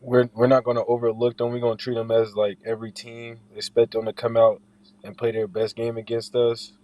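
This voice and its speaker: A man's voice: medium pitch, monotone, fairly quick, darkish tone. A young man speaking as an interviewed basketball player, in an informal way, often repeating and rephrasing his points. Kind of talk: casual interview chat.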